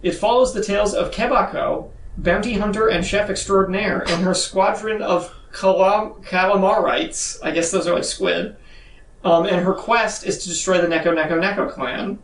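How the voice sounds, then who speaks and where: A man's voice: high voice, moderate pace, fairly bright tone, roomy sound, distant mic, slight background noise, poor audio. A man co-hosting a gaming news podcast, reading news items casually with lots of fillers. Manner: chatty, reads news items with frequent fillers. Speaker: podcast co-host. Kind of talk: casual chat.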